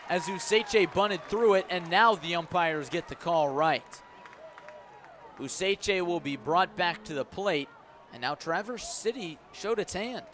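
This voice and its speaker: A man with a voice that sits high delivers live radio play-by-play of a baseball game from the outdoor ballpark. The calls are short and descriptive, building in excitement on plays, and there's a little hiss or hum.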